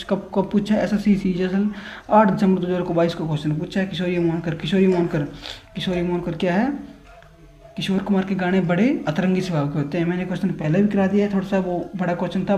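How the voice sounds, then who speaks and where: A man's voice: high-pitched, mellow. An unwell man teaching an exam-prep lesson in a casual way, repeating himself, apologizing often and building memory tricks. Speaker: online exam tutor. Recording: echoey, dull lo-fi room recording.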